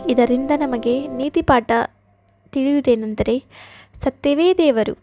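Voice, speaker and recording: Slow, high-voiced woman narrating a fable. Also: over music. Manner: steady, even reading. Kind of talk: scripted storybook narration.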